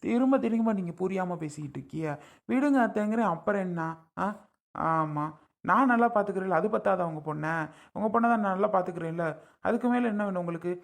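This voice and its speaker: A man's voice: high voice, fast, gravelly. A man playing a young husband who protests to his mother-in-law, pleading and exasperated.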